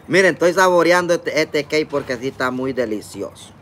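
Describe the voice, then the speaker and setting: A man in his forties with a Honduran Spanish accent, seated at a table in a park, eats outdoors while casually greeting viewers by name as he reads the chat on a phone livestream. His voice is a little high, animated, fairly quick and a bit bright, picked up close by the phone camera with slight background noise.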